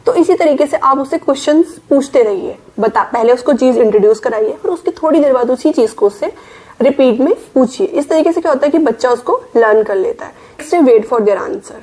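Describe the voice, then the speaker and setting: A woman's voice: high-pitched, animated, a little fast, a little mellow. A young Indian working mother giving casual parenting advice, explaining step by step and mixing English words into her Hindi.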